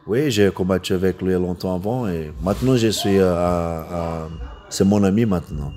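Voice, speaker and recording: Man, low pitch, very soft dark timbre, foreign accent in French, halting, repetitive, coach in a casual interview. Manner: halting, non-native French mixed with English words, repeats himself. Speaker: MMA coach and seminar instructor.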